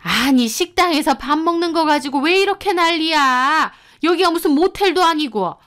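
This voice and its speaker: A woman's voice: high-pitched, lively intonation, normal speed, fairly bright tone, pitched above the performer's own voice. A woman voicing an older mother-in-law who scolds indignantly, in a story narration. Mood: indignant scolding.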